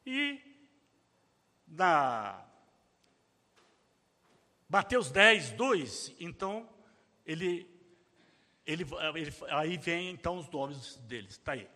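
A man's voice: fairly high pitch, big pitch swings, drawn-out words, pauses often, big-room sound. A man preaching a sermon in a dramatic way, calling out the cries he reads aloud. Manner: dramatic, shouting out quoted cries.

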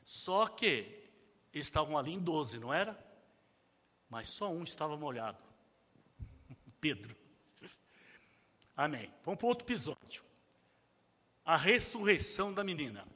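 A man's voice: a little high, big pitch swings, unhurried, pauses often, slightly rough, in a large hall. A man preaching a sermon in a dramatic way, calling out the cries he reads aloud. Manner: dramatic, shouting out quoted cries.

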